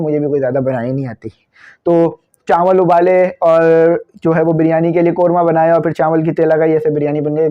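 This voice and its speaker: In a classroom lecture video, a physics teacher with a Pakistani Urdu accent explains concepts through daily-life examples, dropping into English for technical terms. His voice sits high with a darkish tone, captured dully on a cabled mic.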